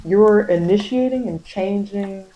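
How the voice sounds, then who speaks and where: In a muffled recording, a woman speaks at a measured pace in a mellow, medium-pitched voice. Her informal, ASMR-leaning tarot monologue offers spiritual guidance straight to the listener, with vernacular speech and emphatic phrases repeated throughout.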